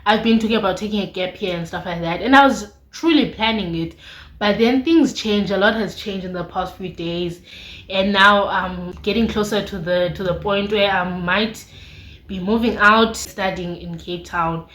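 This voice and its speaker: A woman's voice: mid-range voice, normal speed, fairly bright tone. A young woman with a South African accent, chatting casually and expressively to viewers in an informal, slangy confessional vlog. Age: late teens, young adult. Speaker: vlogger. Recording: echoey, roomy sound.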